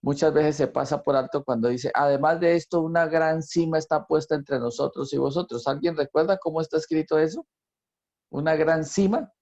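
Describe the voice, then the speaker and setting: A man's voice: on the high side, moderate pace, darkish tone, dull audio. A man tutoring a Bible class, who repeats phrases for emphasis and quizzes his students. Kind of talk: teaching a Bible lesson to a class.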